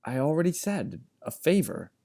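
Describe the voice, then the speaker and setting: Storybook figure: man playing a sulky village boy, pitched up, grudging and glum. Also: big pitch swings, moderate pace, mellow. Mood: sullen. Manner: sullen, hopeless. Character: sullen young village boy.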